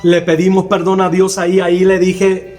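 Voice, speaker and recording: Earnest preacher, higher voice. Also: male voice, monotone, moderate pace, darkish tone. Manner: earnest preacher, repeats phrases, cries out prayers. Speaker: minister. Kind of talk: sermon with a personal testimony.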